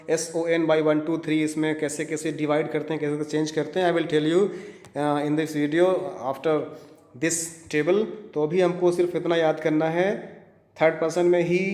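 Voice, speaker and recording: Indian guy teaching grammar, slow and repetitive, keeps checking you got it, echoey room. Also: a little high, a little mellow. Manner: drills by repetition, checks understanding. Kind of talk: bilingual grammar lesson.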